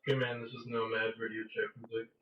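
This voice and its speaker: Give me a man answering a radio check over a walkie-talkie, loud and muffled. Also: medium pitch, monotone, brisk, echoey room, far from the mic, slight background noise. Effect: heard over an in-game walkie-talkie radio.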